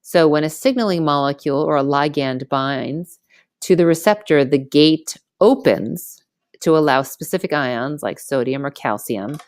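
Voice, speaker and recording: Low-voiced woman teaching a screencast lesson. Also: no echo, clean studio sound. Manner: casual, colloquial explaining with frequent 'okay?' check-ins. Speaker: biology teacher. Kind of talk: informal screencast lecture, explaining step by step. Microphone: close mic on a screen recording.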